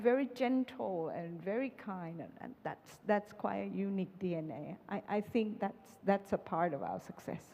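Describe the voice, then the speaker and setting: A woman's voice: mid-range voice, vocal fry, warm tone. A woman from Thailand speaking on a panel, hesitant and repeating words as she searches for them. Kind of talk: panel discussion. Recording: muffled hall reverb.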